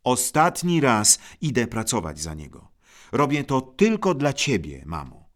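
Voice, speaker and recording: A man's voice: mid-range voice, huge pitch swings, measured pace, voice pushed up. A man reading aloud, voicing an indignant, resentful younger brother who complains about his sibling.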